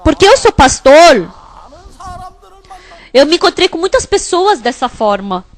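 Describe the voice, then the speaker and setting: A woman's voice: high-pitched, very animated, a little slow. A woman interpreting a pastor's sermon, preaching emphatically with a repetitive cadence.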